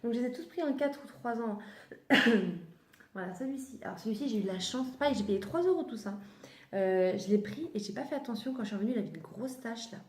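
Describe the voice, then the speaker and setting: A woman's voice: on the high side, expressive, quick pace, mellow. A woman chatting casually through a clothing haul, often stopping to correct herself mid-sentence. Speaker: vlogger showing children's clothes. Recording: echoey room.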